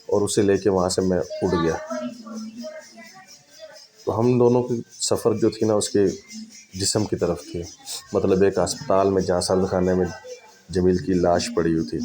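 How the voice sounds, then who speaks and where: A man telling a first-person spooky story in a dramatic, unhurried way, repeating phrases for effect. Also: low voice, steady tone, dark tone, faint music behind.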